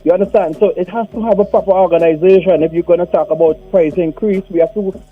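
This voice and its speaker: A man's voice: sits high, steady tone, fast. Insistent man on muffled call. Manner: insistent, repeats points for emphasis. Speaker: radio phone-in caller. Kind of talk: earnest opinion on a phone-in. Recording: muffled phone-in line with music.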